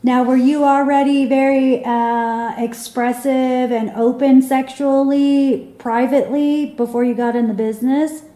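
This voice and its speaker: A woman's voice: sits high, steady tone, measured pace, hardly any pauses, mellow. A woman interviewer asking probing questions casually, laughing and sometimes restarting her sentences. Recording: echoey room.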